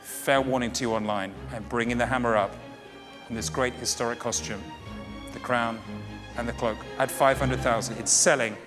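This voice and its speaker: A man conducts a live fine art auction in a saleroom, at a medium pitch. He repeats the bids in formal, courteous auctioneer patter, addressing bidders directly. Music plays clearly behind his voice. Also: steady tone, moderate pace.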